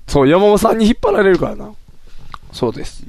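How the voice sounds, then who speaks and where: Quick jokey Kansai man, lively pitch. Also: gravelly. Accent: Osaka Kansai. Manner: chatty, jokey, quick comic retorts. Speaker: co-host of a web radio show. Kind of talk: casual chat.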